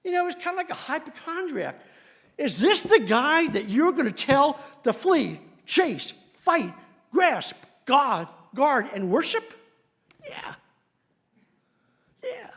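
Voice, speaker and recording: A male pastor preaching a sermon in an animated, emphatic way, laughing often as he talks. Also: very high-pitched, takes it slowly.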